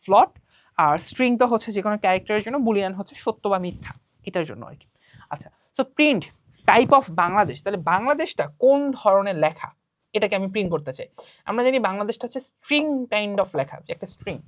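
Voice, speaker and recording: A young woman teacher works through quiz questions in a brisk, chatty online lesson. She asks her own questions and answers them right away. Her voice sits in a middle register, and the recording is close and dry. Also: medium pitch, lively intonation, no room sound. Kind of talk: online class lecture solving quiz questions.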